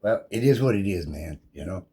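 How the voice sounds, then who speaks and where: A man's voice: low voice, animated, brisk, creaky, dark tone, husky. A man delivering a combative, defiant monologue about his rights, slangy and profane, rattling off legal code numbers from memory. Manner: loose, repetitive, slangy and profane. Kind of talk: impassioned monologue rant.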